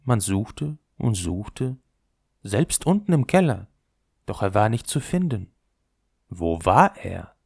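A man narrating a fairy tale, reading in an expressive storytelling manner. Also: takes it slowly, gravelly, pauses often, breathy edge, no room sound, studio quality. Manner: expressive storytelling with lively pitch.

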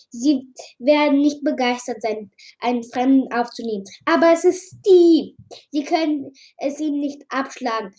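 A woman's voice: sits high, darkish tone, poor audio. A woman casually reading a first-person adventure story aloud, with slips and restarts along the way. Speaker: storybook reader.

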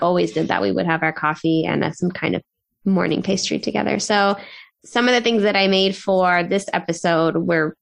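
A woman in her thirties from Southern California co-hosts a relaxed podcast chat. She talks in an upbeat, meandering way with lots of fillers and easy laughter, her pitch sitting in a middle range. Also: creaky. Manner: chatty, upbeat, laughs often, scattered fillers. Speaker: podcast co-host. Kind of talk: casual chat.

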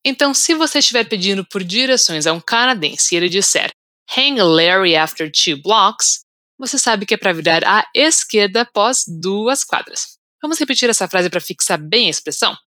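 A woman with a Brazilian Portuguese accent hosts a scripted language-lesson podcast. She says English words and phrases slowly and repeats them for learners. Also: mid-range voice, animated, sharp tone, no room sound, studio quality. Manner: slow, deliberate repetition for learners. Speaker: English teacher, podcast host.

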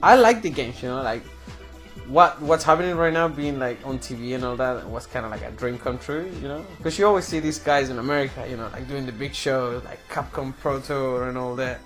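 A young Chilean man with a Chilean Spanish accent, a fighting game player and commentator, chats loosely in a casual interview about fighting games, sprinkling in "bro" and "you know." His mid-range voice is brisk and fairly bright, with faint music behind.

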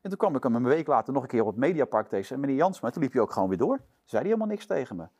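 A man tells a story at a quick clip, his voice jumping up whenever he acts out someone shouting. He sits as the guest in an interview and keeps the tale rolling. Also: medium pitch. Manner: lively storyteller acting out shouted quotes. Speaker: interview guest, sports presenter. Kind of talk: animated anecdote telling.

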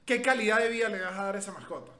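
A man's voice: sits high, rapid-fire, bright, forceful tone, reverberant. A man co-hosting a podcast, teasing and scolding his friend in casual chat, often repeating his words. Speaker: podcast co-host.

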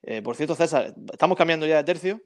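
A man's voice: fairly high pitch, expressive, quick pace. A man co-hosting a casual football chat, telling anecdotes and often tagging his sentences with questions. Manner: chatty storyteller, frequent tag questions. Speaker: podcast co-host.

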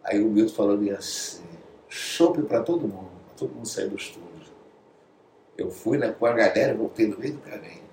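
A man's voice: lowish voice, fairly quick, vocal fry. A Brazilian man telling studio anecdotes in a casual interview, acting out quotes and dropping to whispers. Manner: animated storyteller, acts out quotes, drops to whispers. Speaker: guest. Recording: echoey room, distant mic, faint noise.

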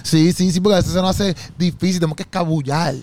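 A man's voice: high voice, steady tone, fast talker, darkish tone. A young Puerto Rican man with a Puerto Rican Spanish accent, co-hosting a casual chat show and teasing his partner. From Puerto Rico. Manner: playful, talks over his partner, teasing. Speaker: podcast co-host.

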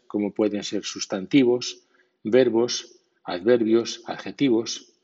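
A man narrating a scripted pronunciation lesson, slowly spelling out prefixes and reading example words. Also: fairly low pitch, dark tone, slightly rough, highs cut off. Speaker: English pronunciation teacher.

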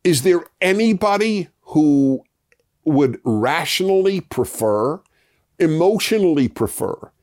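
A man's voice: fairly high pitch, expressive, takes it slowly, darkish tone. A man hosting a casual chat with his viewers. He often restarts and repeats words as he digresses. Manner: laughs at himself while explaining. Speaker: host.

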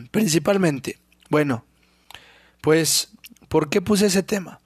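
A young Mexican man with a Mexican Spanish accent hosts a solo podcast, rambling slowly and cursing casually while his sore, hoarse throat makes him clear it again and again. His voice runs slightly high for a man, with lively intonation. The recording is dry and close, with no echo or room sound.

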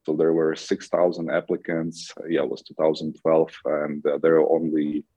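A man's voice: a bass voice, flat delivery, normal speed, warm tone, breathy edge, no echo, poor audio. A man in his thirties from Ukraine, with a Ukrainian accent, talking about his career as a podcast guest, rambling with many fillers and restarts. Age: 30s. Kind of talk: podcast interview.

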